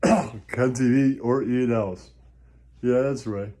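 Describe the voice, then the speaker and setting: A man hosts an online comedy show with a slow, relaxed, mellow mid-pitched voice. His monologue rambles crudely and mockingly, looping back to the same catchphrases again and again. He laughs at his own jokes.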